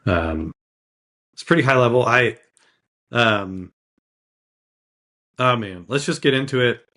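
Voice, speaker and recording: A man's voice: medium pitch, animated, slow, sharp tone. A man co-hosting a casual podcast with a slight cold, talking in a laid-back way with lots of fillers and easy laughs. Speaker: podcast co-host.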